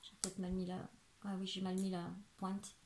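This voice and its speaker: A woman's voice: lowish voice, monotone, normal speed, a little mellow. A woman in her forties from France, chatting casually through a crafting haul with lots of fillers and restarts, recorded at home. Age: 40s. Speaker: crafting YouTuber. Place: home living room. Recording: echoey room with background noise.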